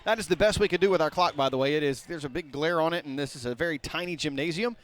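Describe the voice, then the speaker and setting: A middle-aged man, giving folksy, rambling play-by-play of a high school basketball game in a small gym. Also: fast. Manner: folksy, rambling, talks to viewers directly. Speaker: play-by-play announcer.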